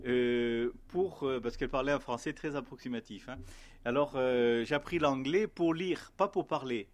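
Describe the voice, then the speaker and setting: A man tells a personal faith story in a loose, conversational way. He pauses often and fills gaps with hesitations. Toward the end he turns earnest and gently exhorting. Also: medium pitch. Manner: rambling, many hesitations and fillers. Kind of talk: casual spoken testimony.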